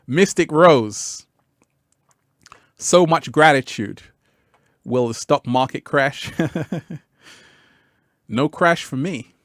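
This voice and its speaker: A man's voice: fairly high pitch, drawn-out words, pauses often, no echo, clean studio sound. A man hosting a live stream, chatting with viewers and reading their comments in a laid-back way, laughing often and repeating his phrases. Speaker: livestream host.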